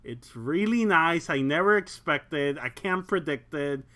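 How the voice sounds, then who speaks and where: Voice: medium pitch, animated, measured pace, sharp tone. A Twitch streamer casually reading a visual novel aloud, swearing and laughing between lines. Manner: crude and swearing, laughs often; reads narration aloud, breaks off to joke.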